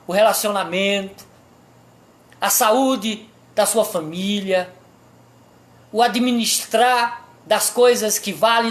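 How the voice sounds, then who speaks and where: A Brazilian-accented pastor delivers a sermon at a slow, deliberate pace. The preaching is emphatic and built on rhetorical questions to the listeners, at a middling pitch.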